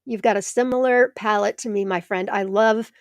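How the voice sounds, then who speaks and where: A woman's voice: mid-range voice, fairly even intonation, moderate pace, no room sound, clean studio sound. A middle-aged American woman hosting a live stream from home, chatting and answering viewers by name. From United States. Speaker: host of a live tomato show. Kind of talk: live stream chat reading comments.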